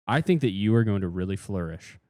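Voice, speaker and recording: A young man co-hosting a podcast, joking in a deadpan way and swearing casually. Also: on the low side, brisk, no room sound. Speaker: podcast co-host. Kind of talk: casual banter.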